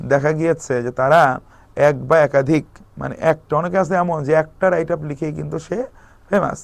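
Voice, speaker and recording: Male lecturer, young adult, quick delivery, slightly high voice, dry close sound, explanatory with fillers. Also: gravelly, dry recording. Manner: explanatory, mixes English terms into speech, many fillers. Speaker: exam prep lecturer. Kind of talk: recorded lecture.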